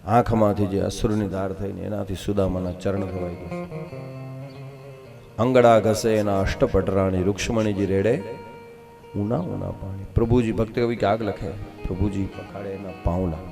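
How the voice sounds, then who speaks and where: A man, telling a devotional scripture story with dramatic swings between loud and soft. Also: lowish voice, steady tone, moderate pace, gravelly, music in the background. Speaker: religious storyteller.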